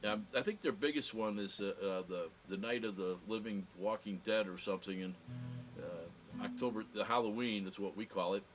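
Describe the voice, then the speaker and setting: A man's voice: on the low side, moderate pace, over music, low-quality recording. Joking Chicago man rambling casually. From Chicago, United States. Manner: wry, joking, self-deprecating. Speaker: host of a livestream entertainment show. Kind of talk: casual rambling livestream chat.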